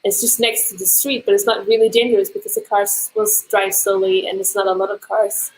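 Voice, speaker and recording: A woman's voice: medium pitch, little pitch movement, a little fast, rough recording. A woman from Sweden who speaks natively, chatting casually and hesitantly, with small reactions. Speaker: guest. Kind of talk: casual chat.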